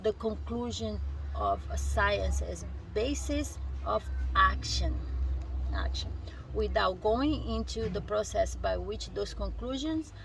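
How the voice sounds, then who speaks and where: This native Portuguese speaker, whose Brazilian accent is clear, is a vlogger perched on a rock outside reading from a self-help book. Her mid-range voice is expressive with vocal fry, and she halts, restarts stumbled words and drops casual comments, all captured in low quality.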